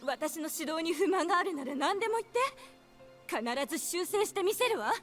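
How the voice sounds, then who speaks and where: A confident veteran woman trainer in a game. She speaks quickly and with assurance, in a high voice. Faint game music plays behind her. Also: animated, a bit bright. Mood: pleading.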